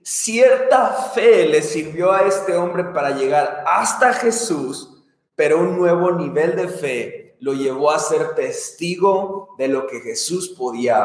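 A man preaching a sermon in an earnest way, repeating key phrases for emphasis. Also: a little high. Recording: echoey hall with long reverb.

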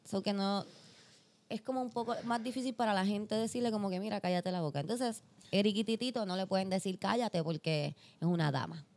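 A woman with a Puerto Rican accent, a podcast host telling a story in casual chat, lively and animated, acting out voices and mixing in English. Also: medium pitch, brisk. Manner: animated, acts out voices in her stories; mixes English into her talk.

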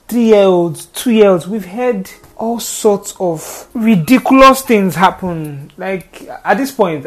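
Her voice is lowish but small and thin, carrying a Nigerian accent. She gives a heartfelt, improvised talk about social issues, often circling back to the same phrases for emphasis.

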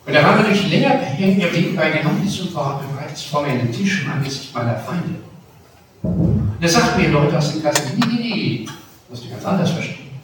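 German pastor preaching in an echoey church. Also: male voice, on the high side, recorded from a distance, noisy background. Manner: lively preaching with slow, stressed phrases and sudden swells in volume. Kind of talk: sermon. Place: large church hall.

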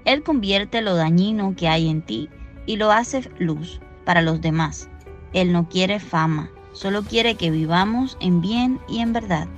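A woman reading a scripted Gospel reflection in a calm, measured way, on a dull lo-fi recording. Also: on the low side, soft background music. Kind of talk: scripted devotional narration.

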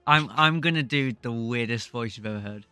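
A man's voice: mid-range voice, a little fast, sharp tone, clean tone, dry recording, soft background music. A man co-hosting a casual gaming podcast, thinking aloud in a rambling way. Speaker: podcast co-host.

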